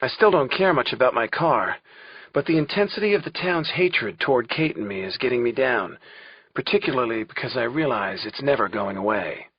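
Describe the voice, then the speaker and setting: A man's voice: medium pitch, expressive, normal speed, husky, dry recording. A man narrating a first-person suspense audiobook in a wry, conversational way. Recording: dull lo-fi recording.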